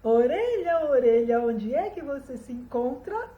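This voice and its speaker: A woman's voice: high voice, big pitch swings, phone-quality sound. Woman playing a stern, bossy stepmother. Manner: slow, commanding, then shouting. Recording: roomy echo.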